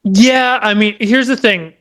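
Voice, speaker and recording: A woman's voice: fairly high pitch, steady tone, measured pace. A woman co-hosting a podcast in casual chat, teasing and laughing often. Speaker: podcast co-host.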